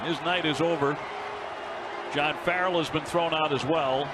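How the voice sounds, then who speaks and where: A man's voice: on the high side, steady tone, moderate pace, heavy background noise. A man calling a live televised baseball game as play-by-play announcer. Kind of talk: live TV sports commentary. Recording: broadcast over very loud stadium crowd.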